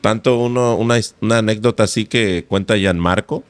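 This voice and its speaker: A podcast host with a voice on the low side talks briskly, with no room sound, during a casual interview. He's chatty, telling rambling anecdotes and tagging his sentences with little questions.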